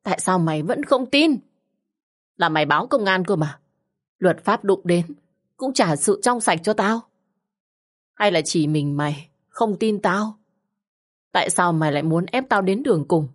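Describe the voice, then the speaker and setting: A woman's voice: lowish voice, lively intonation, a little slow, long pauses. A woman voicing a middle-aged stepmother who cries and pleads with reproachful accusations. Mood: wailing.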